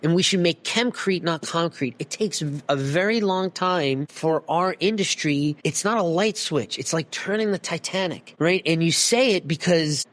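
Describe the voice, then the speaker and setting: A passionate man holding forth as a podcast guest, his voice sitting a little high for a man. He talks emphatically and with heat, throwing in a swear word here and there. He is heard over a video call. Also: normal speed, few pauses. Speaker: guest expert.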